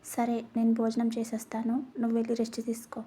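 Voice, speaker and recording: A patient husband in a narrated story, as a woman puts him on speaks gently and consoles his wife. The voice is mellow and breathy. It moves little in pitch. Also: completely flat delivery, quick pace. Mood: gentle. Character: caring middle-aged husband, patient and gentle.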